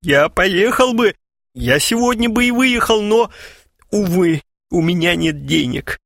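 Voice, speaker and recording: A man's voice: on the high side, lively intonation, unhurried, fairly bright tone, no echo, pitched above the performer's own voice, heavily acted. A gloomy man putting on theatrical grief in an audiobook scene, his lament rising and falling dramatically. A male narrator voices him. Recorded dry and close. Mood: mock grief. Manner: mournful, theatrical. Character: gloomy shaven man, falsely grieving brother. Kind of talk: audiobook character voice.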